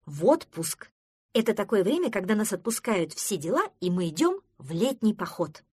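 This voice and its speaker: A woman voicing a calm, patient male friend who explains things in a children's audiobook. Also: medium pitch, normal speed, slightly rough, no room sound, studio quality. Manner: gentle and explaining.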